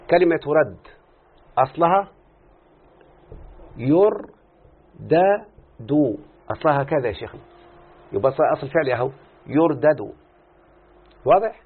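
This Arabic morphology teacher has a slightly high voice with a breathy edge and speaks with an Egyptian accent. Captured on a tinny, lo-fi phone-like recording, he walks his class through a text while constantly firing short questions at them.

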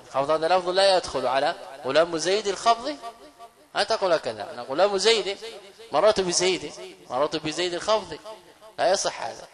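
With a voice on the high side and a fairly bright tone, this man lectures on grammar in a classroom. He poses questions, answers them himself, and slowly repeats the key phrases.

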